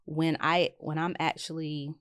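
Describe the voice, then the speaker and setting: A woman's voice: sits low, level tone, a little slow, clean tone, no echo, studio quality. A woman who is a nurse practitioner and med spa owner, talking as a podcast guest in an earnest, agreeable way and often affirming the host. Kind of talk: casual interview chat.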